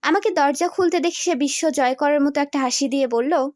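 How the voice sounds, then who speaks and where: A young woman narrating a story in the first person, expressive and storytelling. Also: high voice, fairly quick, no room sound, studio quality.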